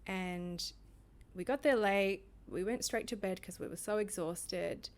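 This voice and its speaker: A woman's voice: medium pitch, a little slow. A woman co-hosting a podcast, telling a personal story in casual chat and laughing often. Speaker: podcast co-host.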